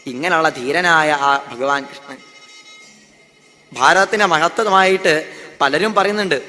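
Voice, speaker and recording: A man with a fairly high, bright and forceful voice gives a devotional discourse. He keeps asking his listeners questions and answering them himself. His voice rings with long reverb in a festival hall. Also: unhurried, soft background music. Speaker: Bhagavatam speaker.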